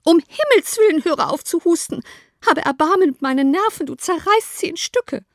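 A woman reading an audiobook, voicing an excitable, easily upset middle-aged mother with shrill, high-strung outbursts. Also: moderate pace, dry recording, clean studio sound. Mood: exasperated. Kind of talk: audiobook character voice.

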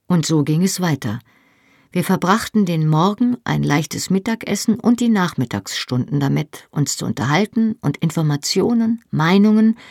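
A calm, even storyteller's voice with a gravelly texture. It reads first-person narration at a measured pace, close-miked in a dry, dead room. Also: mid-range voice, dry recording. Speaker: audiobook narrator.

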